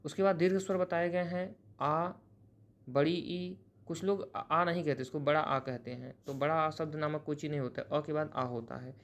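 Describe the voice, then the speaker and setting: A man's voice: fairly high pitch, fairly even intonation, moderate pace. A man teaching a grammar lesson who explains patiently, often restates terms, and corrects himself mid-sentence. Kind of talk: classroom-style grammar lesson.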